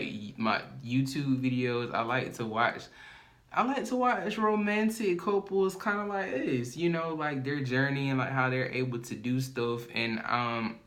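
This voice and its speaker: A man co-hosting a podcast in casual chat, slow and thoughtful, with many fillers and hedges. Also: mid-range voice, a bit bright. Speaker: podcast co-host.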